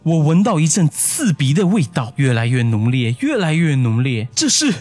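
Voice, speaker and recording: A man narrating a first-person horror story in a hushed, suspenseful manner. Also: a little high, animated, moderate pace.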